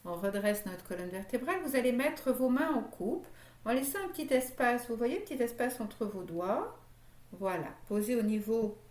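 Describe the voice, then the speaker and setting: A woman leading a guided yoga meditation class, talking gently and checking in often with her students. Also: on the high side. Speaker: yoga teacher. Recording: echoey room.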